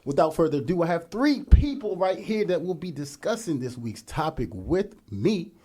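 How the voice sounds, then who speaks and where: A young man hosting a casual podcast, talking in an animated, slangy, hype way. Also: a little high, moderate pace. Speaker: podcast host.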